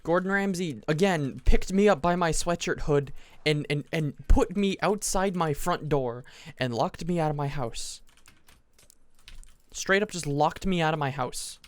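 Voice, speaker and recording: A man's voice: a little high, measured pace. A teenage boy casually telling a long story over gameplay, rambling and restarting his sentences often. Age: teens. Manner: rambling, self-interrupting, frequent restarts. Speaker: gaming commentator.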